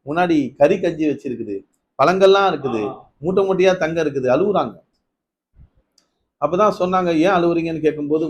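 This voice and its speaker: Male preacher, storytelling sermon, fairly high voice, emphatic swells. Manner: storytelling, rising to emphatic peaks then dropping low; questions to the listeners. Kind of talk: Ramadan night sermon.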